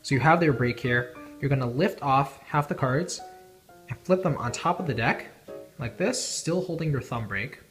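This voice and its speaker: A man's voice: mid-range voice, expressive, normal speed, a bit bright. A man giving informal card magician patter, teaching tricks step by step as he demonstrates them, talking to the viewer like a spectator. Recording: roomy echo, guitar music behind. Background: plucked guitar music.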